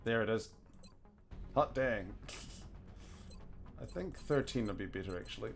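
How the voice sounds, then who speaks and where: Playing a video game, a New Zealand-accented man with a lowish, creaky voice talks slowly but animatedly, chuckling often as he thinks things through. He's a gaming streamer giving casual commentary, with soft music in the background.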